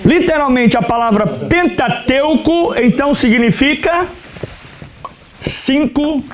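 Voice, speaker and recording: A man's voice: very high voice, a little hiss or hum. A man, a pastor, teaching an Old Testament class and asking his students questions that he then answers himself. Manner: animated teacher who asks questions and answers them himself; keeps telling students to write things down.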